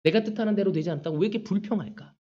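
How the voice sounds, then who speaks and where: A man's voice: high-pitched, racing, warm tone, highs cut off. A male pastor preaching a sermon, acting out prayers and the taunts of others as he goes. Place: church sanctuary.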